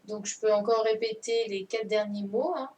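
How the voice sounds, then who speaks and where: A woman's voice: on the high side, steady tone, normal speed, dark tone. A woman teaching a primary class over a video call, correcting a dictation patiently and often checking that the children understand. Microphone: computer mic on a video call. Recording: distant mic with faint noise.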